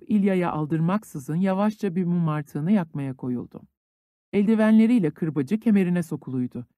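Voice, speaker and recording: A male audiobook narrator reading classic literature in a calm, even way. His voice is mellow and dark, and it sounds dry and close to the mic, with no room around it. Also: fairly high pitch, no room sound.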